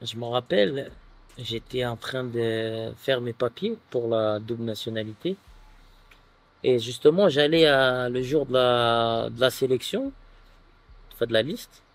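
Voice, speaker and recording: Relaxed man chatting with "tu vois" fillers. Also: medium pitch, a little slow. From France. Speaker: guest footballer. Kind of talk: casual interview chat. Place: outdoor terrace on a sofa.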